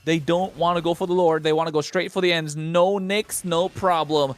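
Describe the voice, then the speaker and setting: A man calls a mobile esports match play by play. His voice sits high and his calls come fast and excited, full of hype chants. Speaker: esports caster. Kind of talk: play-by-play commentary.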